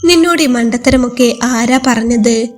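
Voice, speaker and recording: Woman voicing a gentle young man lover. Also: very high-pitched, normal speed, soft background music. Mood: tender. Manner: soft, steady, reassuring.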